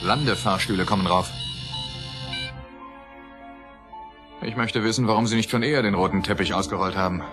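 An actor playing a bold, decisive spaceship captain with dry humour in a German radio play. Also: male voice, lowish voice, quick pace, lightly acted. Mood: wry. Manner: commanding, clipped orders, wry. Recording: music bed under the dialogue.

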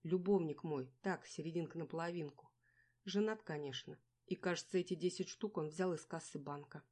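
A woman reading an audiobook, voicing a shrill, irritable young woman in debt who argues sharply. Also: normal speed, warm tone. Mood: snappy, grumbling. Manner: snappy, exasperated arguing. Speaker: character in an audiobook.

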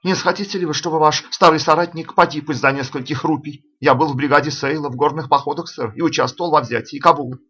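A man reading the part of a fawning, sly old vagabond ex-soldier with a hoarse voice, as audiobook character reading. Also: medium pitch, fast talker, bright, forceful tone, muffled recording. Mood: wheedling. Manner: wheedling, mocking.

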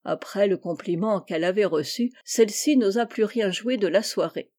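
A woman reading a classic novel aloud as an audiobook, with even storytelling delivery. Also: medium pitch, moderate pace. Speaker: audiobook reader.

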